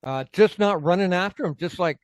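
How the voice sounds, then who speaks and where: A man's voice: high voice, fairly quick, no room sound. A man co-hosting a casual sports podcast, swearing freely and venting as a frustrated fan. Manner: profane, heated, fan ranting. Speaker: co-host.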